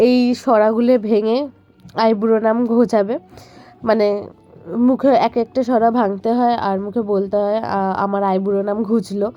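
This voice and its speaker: Hoarse young woman with a cold. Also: medium pitch, warm tone. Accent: Bengali. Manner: chatty, rambling, many fillers. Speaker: vlogger. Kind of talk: casual voice-over narration.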